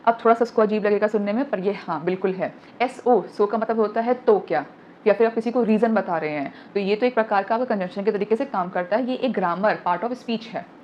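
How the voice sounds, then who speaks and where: A woman teaches English vocabulary in a patient classroom manner, pausing to spell each word out letter by letter. Her voice sits at a middle pitch. The recording sounds a little dull, with a faint hiss behind her. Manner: explains slowly, spells words letter by letter, mixes English terms into speech. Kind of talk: online classroom lesson. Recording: slightly dull lo-fi audio with faint background noise.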